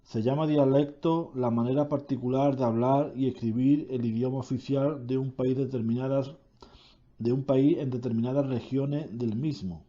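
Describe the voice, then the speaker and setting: A man reading a grammar lesson aloud, slowly and deliberately, correcting himself now and then. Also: medium pitch, fairly even intonation, warm tone, muffled recording.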